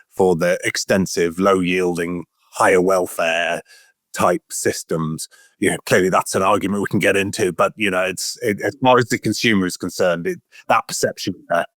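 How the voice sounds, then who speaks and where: Middle-aged man from Wales, low-pitched, earnest podcast guest who repeats words mid-thought, dry close sound. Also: fairly bright tone, dry recording. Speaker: guest, veterinary professor. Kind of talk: casual podcast interview.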